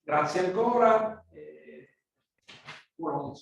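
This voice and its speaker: A man's voice: sits high, slow pace, vocal fry, dull audio. A man with a Neapolitan accent gives a formal welcome speech as the official opening a conference. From Naples, Italy. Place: echoey conference room. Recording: very echoey room, distant microphone.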